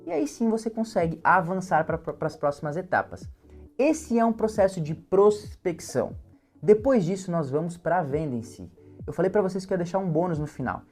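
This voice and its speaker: Homem brasileiro explicando passo a passo. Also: male voice, high voice, expressive, moderate pace, darkish tone, soft background music. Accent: Brazilian Portuguese. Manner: step-by-step, earnest, acts out sample phone calls. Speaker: sales trainer. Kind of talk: instructional talk.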